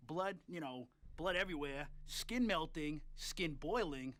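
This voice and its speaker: Foul-mouthed gangster, crude and cocky, bright edgy voice, rather high. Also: male voice, lively intonation, measured pace. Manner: cocky, crude, offhand bragging.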